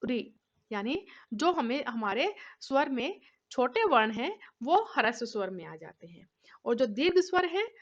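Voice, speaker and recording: A woman's voice: a little high, a bit bright, dull audio. A woman teacher giving a recorded grammar lesson, patiently asking questions and answering them herself.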